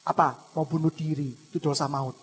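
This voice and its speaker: A man preaching a sermon as pastor, moving between hushed asides and loud, dramatic passages, and asking the congregation questions. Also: a little high, fairly even intonation, fairly quick, breathy edge. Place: church hall. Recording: echoey church hall.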